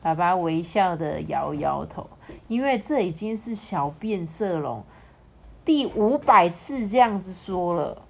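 A woman reading a picture book aloud to a child, lively and chatting with her listener along the way. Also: lowish voice, measured pace, creaky. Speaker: storyteller.

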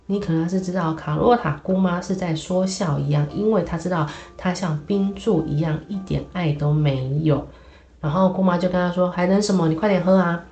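A woman's voice: on the low side, moderate pace, warm tone, roomy sound, muffled recording. A woman telling a children's story in a chatty way, with many filler particles.

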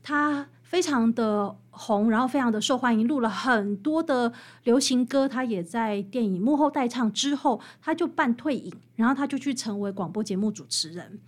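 A woman with a Taiwanese Mandarin accent, a guest author interviewed about her book, explains and tells stories in an emphatic, conversational manner. Her slightly high voice is animated, moving at a moderate pace with hardly any pauses.

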